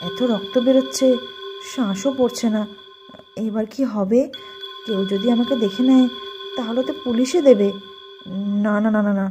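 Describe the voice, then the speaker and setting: A woman voicing a cruel middle-aged stepmother in a cartoon story, with harsh, shrill scolding. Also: lightly acted. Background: music.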